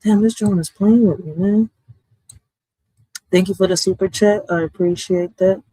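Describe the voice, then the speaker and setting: A man's voice: high-pitched, steady tone, moderate pace, warm tone, no echo, poor audio. A man from Puerto Rico, raised in the city, talking casually on his livestream, cursing and checking "all right?" after his points. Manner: street-casual, repeats "all right?" and curses. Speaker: livestream host.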